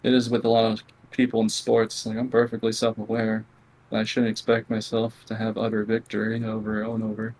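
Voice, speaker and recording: Flat-voiced blunt young gamer man. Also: lowish voice, poor audio. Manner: blunt, halting, earnest; quiet, near whispering at times. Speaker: interview guest, competitive gamer. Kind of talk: candid conversational interview.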